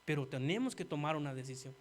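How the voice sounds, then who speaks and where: Man, preacher, sermon, earnest, fairly high pitch, quiet-to-loud swings. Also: lively intonation, quick pace. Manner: earnest, addresses listeners as "hermano".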